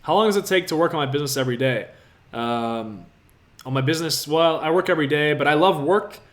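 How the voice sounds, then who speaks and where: A man's voice: fairly high pitch, quick pace. A man in his twenties from Latvia, hosting a casual livestream Q&A in an upbeat, motivational way and talking straight to his viewers. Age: 20s. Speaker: livestream host answering viewer questions. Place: apartment room with a city view.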